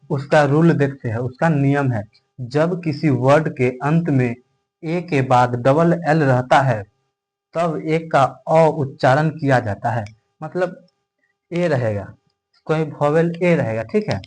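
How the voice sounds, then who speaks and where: Male teacher for a beginner lesson who speaks slowly and patiently, with a slightly raised voice. He breaks each word into sounds and keeps checking in with "okay?". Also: fairly high pitch, darkish tone, poor audio. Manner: explains step by step, asks and answers his own questions, keeps checking in with "okay?". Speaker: English teacher. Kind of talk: classroom lesson.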